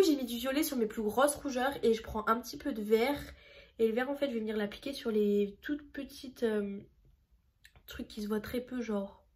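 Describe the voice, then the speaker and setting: Doing her makeup on camera for a tutorial, this young vlogger talks in a loose, wandering, self-deprecating way. She has a slightly high, somewhat mellow voice.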